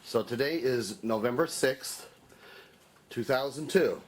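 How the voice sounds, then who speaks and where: A man's voice: medium pitch, slow. A man interviewing an elderly guest with brief, prompting questions.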